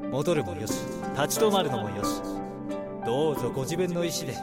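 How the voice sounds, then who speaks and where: A man's voice: mid-range voice, big pitch swings, brisk, over loud music, lightly acted. Man playing a creepy, ceremonious butler, swooping intonation. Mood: ominously polite. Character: courteous, eerily formal male butler to a young mistress.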